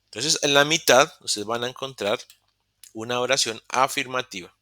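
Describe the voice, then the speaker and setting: A man teaching an online beginner English class in Spanish, explaining slowly, checking in with "ok?" and often correcting himself mid-sentence. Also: medium pitch, sharp tone, no room sound. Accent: Latin American Spanish. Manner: patient, explaining step by step with frequent "ok?" checks; self-correcting, restarts mid-word. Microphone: computer mic in a virtual session.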